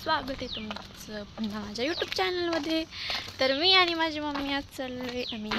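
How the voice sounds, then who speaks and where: A woman's voice: high voice, expressive, moderate pace. A young woman chatting to her phone camera outdoors on a vlog, talkative and teasing, laughing often. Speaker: vlogger. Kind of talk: casual vlog chat to camera. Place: outdoors on village lanes and at a bus stand. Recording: noisy outdoor phone recording. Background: loud street noise.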